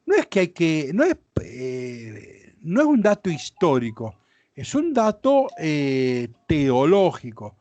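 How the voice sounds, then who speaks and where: A man's voice: fairly high pitch, wildly swooping pitch, takes it slowly, darkish tone. A man with a Rioplatense Spanish accent, a priest teaching a Bible class, explaining patiently and often checking that listeners follow. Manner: explanatory, frequent checks like ¿sí? and ¿ven?.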